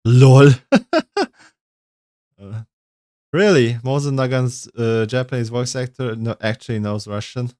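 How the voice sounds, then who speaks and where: Male streamer, off-the-cuff reaction chat, rambling and self-correcting, smooth clear voice, dry close mic. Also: medium pitch, measured pace, long pauses, warm tone, dry recording. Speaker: streamer reacting to game lore. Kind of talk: casual livestream reaction chat.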